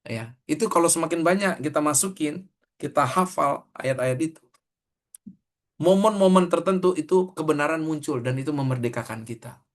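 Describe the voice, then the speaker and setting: A man's voice: fairly high pitch, normal speed. A middle-aged man, preaching a sermon in a conversational way, telling a story and acting out the quoted dialogue.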